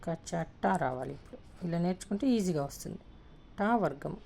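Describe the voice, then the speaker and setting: A woman with a Telugu accent teaching the alphabet, slowly repeating each letter one at a time. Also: lowish voice, lively intonation, vocal fry, warm tone, slight background noise. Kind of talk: alphabet lesson, writing on a board.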